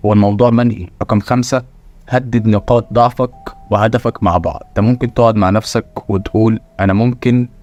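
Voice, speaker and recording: A man with an Egyptian Arabic accent delivers a motivational talk straight to his viewers, quick and pushy. His voice sits low and he peppers the listener with rhetorical questions. The tone is blunt and preachy throughout. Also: fairly even intonation, darkish tone, dull audio. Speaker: motivational channel host.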